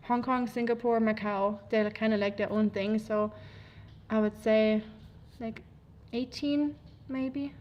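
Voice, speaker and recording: Hosting a relaxed livestream, this woman from Germany reads viewer comments in her German accent, chatty, rambling and quick to laugh. She speaks slowly in a steady, slightly high voice, and the audio's highs are cut off.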